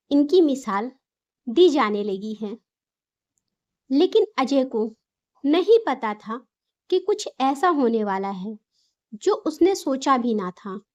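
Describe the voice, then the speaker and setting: A woman narrating a scripted moral story in a gentle, steady storytelling manner. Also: sits high.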